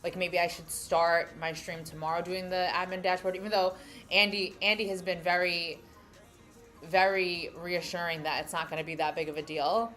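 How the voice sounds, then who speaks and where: Faint music plays behind this livestream host, a young woman from New York City with a New York accent. Her fairly low voice is level in tone, a bit bright and at a normal speed as she reads viewer comments aloud, mulling them over in casual chat.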